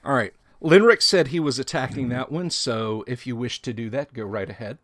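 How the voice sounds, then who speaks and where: A man running a tabletop role-playing game as dungeon master, narrating in an unhurried way with plenty of ums and uhs. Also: mid-range voice, a bit bright.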